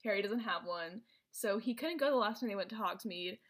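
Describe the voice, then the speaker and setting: A woman chatting casually as she retells a film, her talk rambling and full of fillers. She restarts often and keeps going at an everyday pace, in a voice of middling pitch. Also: fairly quick, fairly bright tone. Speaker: presenter recapping a film. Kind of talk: casual chat.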